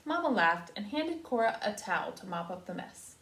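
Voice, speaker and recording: A medium-pitched woman reads a children's storybook aloud with kindergarten-teacher expressiveness, stopping now and then to speak to young listeners. There is a roomy echo.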